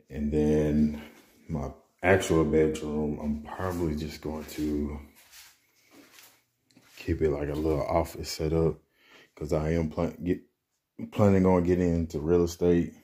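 A young man with an extremely low, mellow, nearly flat voice vlogs casually in his apartment bedroom, speaking a little slowly with long pauses. Slightly out of breath from moving furniture, he rambles laid-back in slang, restarting his sentences.

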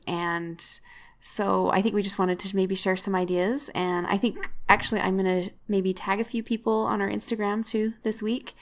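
A woman co-hosts a faith podcast with her husband, chatting easily in a medium-pitched voice. She talks in a bubbly, friendly way and laughs often. Her tone stays relaxed and conversational. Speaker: podcast co-host. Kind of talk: casual scripture podcast chat.

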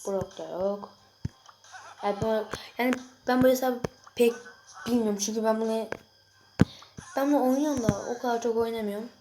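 A young girl chatting excitedly to viewers while she plays a mobile game, reacting loudly to each moment. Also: a little high, moderate pace, long pauses, background noise. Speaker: gaming video creator. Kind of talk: casual gameplay commentary. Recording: music playing behind the voice.

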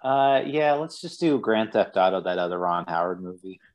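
Low-voiced man chatting on a podcast. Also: moderate pace. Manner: relaxed, chuckling, loose phrasing. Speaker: podcast co-host. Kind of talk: casual chat.

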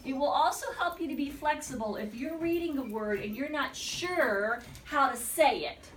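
A woman teacher leading a classroom word-study lesson, encouraging and repeating words slowly and deliberately. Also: high voice, lively intonation, background noise. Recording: echoey classroom from far off.

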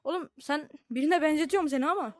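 A young woman from Turkey giving casual, playful commentary on a virtual reality game, taunting the characters in mock-friendly tones with sudden bursts of shouting. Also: high voice, fast, dry recording. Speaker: gaming streamer.

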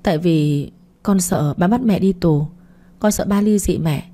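A spoiled young daughter confesses and apologizes to her parents in a radio story, voiced by a woman. She sounds tearful and sorry, read in a low, mellow tone. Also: measured pace. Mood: apologetic. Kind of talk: audiobook reading.

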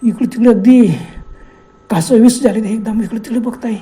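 Very dark-voiced male storyteller. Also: very high voice, fairly even intonation, normal speed. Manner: dramatic, suspenseful telling. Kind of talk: horror story narration.

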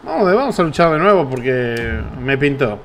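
A man with an Argentine accent giving excitable, profane commentary while playing a wrestling video game. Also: medium pitch, moderate pace, a little hiss or hum. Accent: Rioplatense Spanish. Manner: excitable, swearing, taunting the game. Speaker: gameplay streamer. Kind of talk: casual gameplay commentary.

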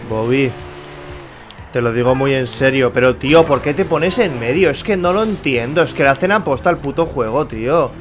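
A man's voice: medium pitch, normal speed. A young man with a Spanish accent giving casual gameplay commentary, swearing and grumbling at the characters on screen. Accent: Spain Spanish. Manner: exasperated, swears often, talks to game characters. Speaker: gameplay streamer. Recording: faint background music and game car sounds.

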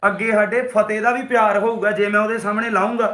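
A man's voice: high-pitched, steady tone, quick pace, fairly bright tone, echoey room. A man from Punjab playing a husband who earnestly lectures his wife about loving nature, in a home-made short film. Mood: lecturing.

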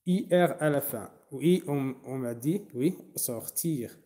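A man teaching French verbs in a class, slow and patient, spelling out endings letter by letter and switching to to explain. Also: fairly high pitch, mellow. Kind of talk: online language class.

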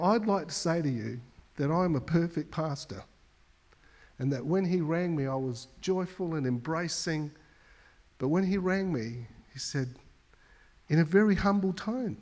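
A man's voice: on the high side, darkish tone. A male pastor preaching a sermon, telling a story with emphasis and often repeating words as he goes.

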